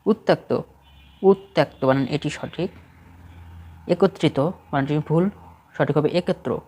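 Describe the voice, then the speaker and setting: A man's voice: on the high side, unhurried, darkish tone. A man with a Bangladeshi Bengali accent reads a spelling list aloud for exam prep, steadily correcting each word in short phrases.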